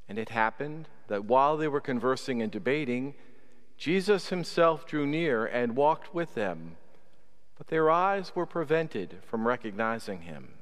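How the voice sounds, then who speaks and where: Man reading scripture in cathedral echo. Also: medium pitch. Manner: measured, solemn proclamation. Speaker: priest proclaiming the Gospel. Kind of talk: liturgical reading at Mass. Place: large church. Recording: long cathedral reverb.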